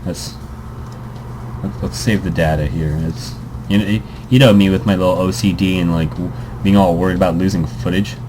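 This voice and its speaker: A man with a deep voice and fairly even intonation does casual let's play commentary at normal speed. He reads game text aloud, then wanders off into rambling, self-interrupting asides, all captured in a noisy amateur home recording.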